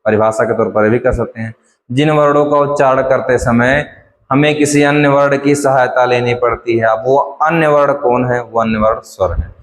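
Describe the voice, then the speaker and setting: A man's voice: medium pitch, fairly even intonation, normal speed. A man teaching Hindi grammar in a classroom lecture, drilling definitions step by step and repeating key phrases. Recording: echoey room with long reverb.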